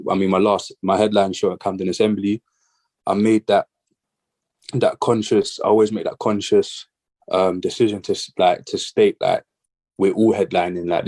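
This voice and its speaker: A man, a musician being interviewed, chatting casually and loosely with many fillers, a bit out of breath. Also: sits low. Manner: relaxed, rambling, lots of "like" fillers. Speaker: guest artist and musician.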